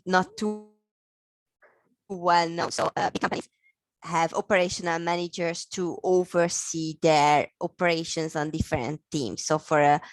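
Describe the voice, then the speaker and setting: A woman's voice: on the low side, no room sound. A woman from Hungary, speaking English with a Hungarian accent, explaining her work in an interview with many fillers and restarts. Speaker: guest, operations consultant. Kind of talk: interview answers.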